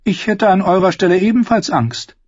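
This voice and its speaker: A scheming queen mother, as a male audiobook reader puts her on, cool and condescending, with a husky, fairly high voice. The recording is dry and a bit dull. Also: lively intonation, moderate pace, darkish tone, dry recording. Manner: smooth, condescending. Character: scheming older queen mother, coolly composed. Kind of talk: audiobook dialogue.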